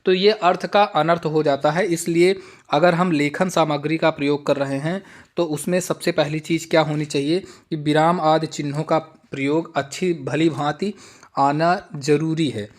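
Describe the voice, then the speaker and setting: Male exam-prep tutor, fairly high voice, reads options slowly and explains plainly. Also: steady tone. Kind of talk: Hindi exam-prep lesson with slow Sanskrit reading.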